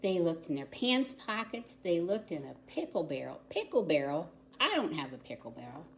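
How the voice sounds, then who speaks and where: Her voice sits fairly low, with vocal fry and big swings in pitch, as this woman volunteer reads to young children at a normal pace. She keeps things simple, chatting and asking the kids questions along the way. The recording has roomy echo and audible noise behind it.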